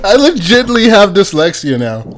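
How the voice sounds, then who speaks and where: A man's voice: high voice, sing-song, fast, very noisy. A man streaming a video game, joking and laughing with friends over a headset mic. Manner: loud, laughing, crude banter. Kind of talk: casual gaming chat with friends.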